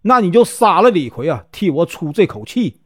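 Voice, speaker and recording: An upright, stern officer from a told story, voiced by a man. He speaks plainly and firmly, with pitch that moves a lot. The recording is close and dry. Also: very animated, moderate pace, fairly bright tone, slightly rough, no echo, full character voice. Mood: indignant. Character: Zhu Tong, proud upright male army officer.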